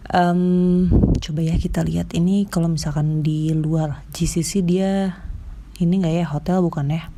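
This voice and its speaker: A woman's voice: on the low side, fairly even intonation, a little slow, warm tone, a little hiss or hum. A young woman with an Indonesian accent explaining things casually to viewers, chatty and informal, often correcting herself. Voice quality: slight trouble pronouncing some sounds. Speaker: vlogger giving job advice.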